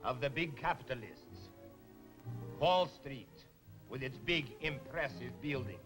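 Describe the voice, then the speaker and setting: A man's voice: mid-range voice, lively intonation, unhurried, close to an everyday voice. A man narrating an old propaganda film in a fake Russian accent, solemn and declaiming. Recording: old film clip over music.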